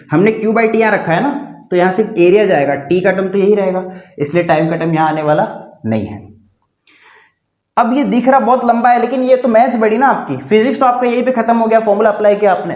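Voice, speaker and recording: A man's voice: high voice, a little mellow. A man teaching a physics lesson, solving numericals in a reassuring tone and drawing out words as he writes. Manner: reassuring, calls students बच्चों, stretches words while writing. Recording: dull lo-fi sound in an echoey room.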